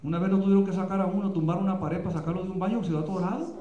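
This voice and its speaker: A male pastor preaching a sermon with passion, often pausing on fillers. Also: sits high, fairly even intonation, mellow, roomy sound, highs cut off. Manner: impassioned preaching, many filler pauses. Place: church, live streamed.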